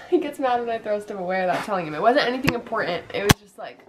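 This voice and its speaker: A woman's voice: mid-range voice, animated, quick pace, very noisy. A young woman chatting casually in a vlog, giggling often between lines. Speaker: vlogger.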